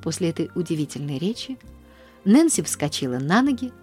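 A woman narrating a children's storybook aloud in a gentle, expressive reading style. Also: low-pitched, a little fast, faint music behind. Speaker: audiobook reader.

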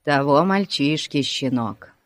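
Boy Pip, hushed gossip, read by narrator, dry recording. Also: mid-range voice, lively intonation, slow pace, dry recording, voice pushed down. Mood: admiring. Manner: confiding, hushed. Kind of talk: audiobook character voice.

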